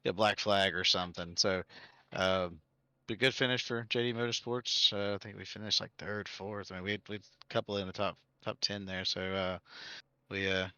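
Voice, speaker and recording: A male race driver giving a post-race interview in halting, filler-packed answers. His voice is very low yet bright and forceful, heard through a dull, lo-fi mic with dry sound. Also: steady tone, clear, resonant tone, no room sound.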